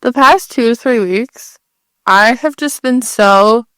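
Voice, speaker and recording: A woman's voice: on the high side, takes it slowly, fairly bright tone, clean tone, no echo. A woman co-hosting a podcast in a casual, conversational style. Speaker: podcast co-host.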